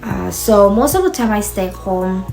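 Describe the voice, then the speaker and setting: A young Vietnamese woman with a Vietnamese accent talks casually to her vlog audience, soft and unhurried, full of fillers and restarts. Her mid-range voice is creaky, and soft music plays in the background.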